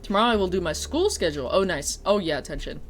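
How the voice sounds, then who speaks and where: A woman with a lowish, expressive voice talks fast as faint music plays in the background. As a streamer and teacher she's chatting casually on stream, sniffling through a stuffy nose, dropping swears and running herself down in jest.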